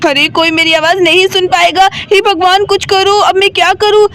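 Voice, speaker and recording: A woman's voice: extremely high pitch, level tone, normal speed, a bit bright. A woman voicing a sick mother in a doll story, fretting anxiously and asking over and over what to do. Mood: panicked. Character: sick, tied-up mother, fretful and panicky.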